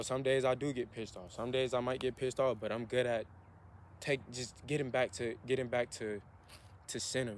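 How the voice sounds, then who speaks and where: In a mid-range voice over slight background noise, a vlogger in his twenties delivers an earnest, self-motivating monologue. He repeats himself as he works through his thoughts.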